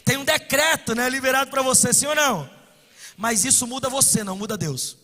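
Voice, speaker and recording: A man with a Brazilian accent preaching at a conference, passionate, moving between loud declarations and hushed asides. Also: extremely high pitch, a little fast. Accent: Brazilian Portuguese. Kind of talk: conference sermon. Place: conference hall. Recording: echoey hall reverb.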